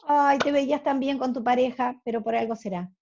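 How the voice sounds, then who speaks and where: Sixties woman, Rioplatense accent, direct encouraging mentor, husky headset audio on a call. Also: high-pitched, steady tone, fairly quick, mellow, muffled recording. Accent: Rioplatense Spanish. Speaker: host and mentor. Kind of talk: coaching group video call. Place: home office. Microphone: headset on video call.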